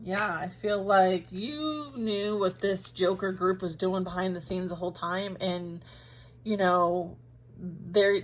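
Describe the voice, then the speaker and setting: A woman giving a casual, rambling tarot reading directly to her listeners, talking with many fillers and often laughing at herself. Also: fairly low pitch. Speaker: tarot reader.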